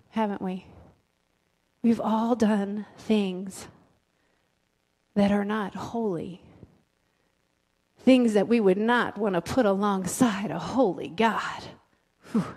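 A woman's voice: medium pitch, fairly even intonation, slow pace, long pauses, darkish tone. A middle-aged woman pastor preaching a conversational sermon on a handheld mic, asking the congregation questions. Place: church sanctuary with a stage. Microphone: handheld mic, filmed from the back of the room. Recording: long reverb of a church hall.

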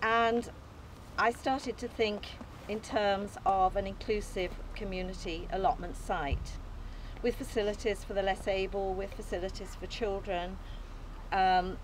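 On an open field outdoors, an allotment group's founder, an older woman from England, reads her opening speech from notes. She speaks in a steady mid-range voice at a measured pace, earnest and modest, pausing slightly and laughing lightly. The audio comes from a distant camera without a mic, with slight background noise.

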